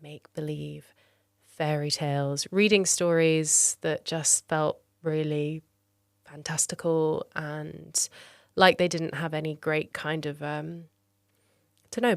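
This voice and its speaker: A woman podcast host chats informally in a low voice with plenty of vocal fry. The recording is very dry, and she talks in a personal, conversational way. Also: fairly even intonation, unhurried, dry recording. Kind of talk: casual, personal podcast introduction.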